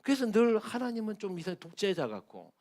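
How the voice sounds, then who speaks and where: A middle-aged man, a pastor preaching a sermon who acts out quoted speech, swinging from loud to soft. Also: sits high, big pitch swings, quick pace. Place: church sanctuary.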